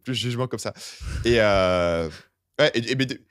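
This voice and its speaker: A man's voice: lowish voice, normal speed, smooth, dry recording, clean studio sound. A young man hosting a podcast, chatting casually with lots of slang and acting out quoted complaints. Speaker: podcast host.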